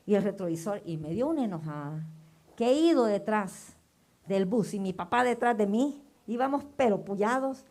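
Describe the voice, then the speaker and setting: Woman sharing a lively church testimony. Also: medium pitch, normal speed. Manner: lively storytelling, acting out remembered dialogue. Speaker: church member giving testimony. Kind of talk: personal testimony sermon.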